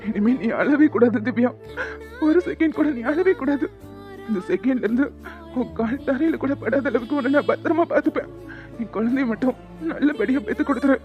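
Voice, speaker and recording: A woman's voice: sits high, brisk, natural voice. A woman voicing a caring, protective young husband in a cartoon story, tender and earnest. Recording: dull lo-fi audio with faint music.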